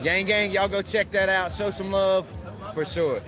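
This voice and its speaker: A high-voiced Southern man hosts a live stream outdoors at a rally, hyped and friendly as he calls out to his viewers. A crowd chatters around him with music playing nearby. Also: steady tone, a little slow. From North Carolina. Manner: friendly hype, says y'all and gang gang. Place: outdoors at a rally, near traffic.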